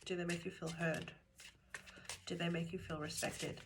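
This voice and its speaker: An Australian tarot reader with a low voice and a cold gives a pick-a-card reading, speaking calmly and earnestly straight to the viewer at a normal pace. Her voice keeps cutting in and out. Loud background noise, including shuffling cards and clicks, fills the recording.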